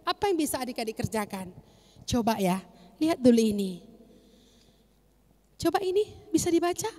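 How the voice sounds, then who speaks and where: A young woman teaching children at Sunday school, animated, asking questions and answering them herself. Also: a little high, moderate pace, in a large hall.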